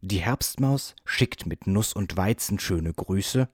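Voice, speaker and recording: A man reading a storybook aloud and voicing a calm, dreamy male field mouse poet who speaks gently and recites verse unhurriedly. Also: low-pitched, slow, slightly rough, dry recording, clean studio sound, full character voice. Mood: reciting.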